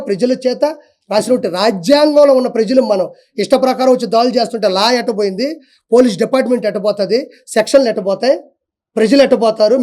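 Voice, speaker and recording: A man's voice: high voice, warm tone. A man giving a defiant, heated rant as an interview guest, hammering his points with repetition. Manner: fiery, defiant, repeats for emphasis.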